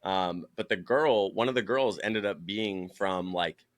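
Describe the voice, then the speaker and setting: A man's voice: low-pitched, unhurried, no room sound. A man from New Jersey, a running coach and podcast guest, telling stories casually, acting out quotes and saying "like" a lot. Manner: animated storyteller, acts out quotes, says "like" a lot. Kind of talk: casual chat.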